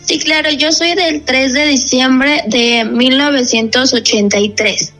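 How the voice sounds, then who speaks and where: A woman's voice: high-pitched, fairly even intonation, measured pace, sharp tone, faint music behind, low-quality recording. A woman calling in over the phone to a psychic show, polite and earnest, sounding desperate. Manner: polite and earnest, answers briefly then explains at length. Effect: heard over the phone. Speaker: caller to a psychic call-in show. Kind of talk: live call-in.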